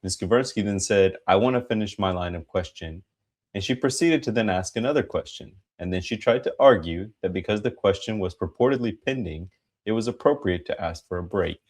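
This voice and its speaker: Casting: man, very deep and husky, plays an attorney in emphatic, formal courtroom re-enactment. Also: brisk, a little mellow. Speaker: reader voicing an attorney in a hearing. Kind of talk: dramatic reading of a court transcript.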